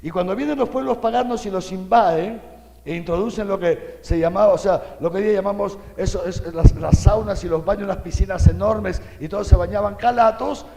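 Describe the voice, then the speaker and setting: An older man from Peru, a bishop, giving an animated, folksy sermon full of rhetorical asides to his listeners. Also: high voice, fairly quick, creaky, long reverb tail.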